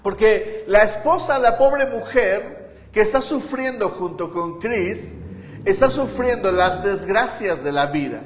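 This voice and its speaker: Male pastor, high voice, conversational sermon, rhetorical questions, roomy church reverb. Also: animated, measured pace, a little hiss or hum. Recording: echoey hall with long reverb.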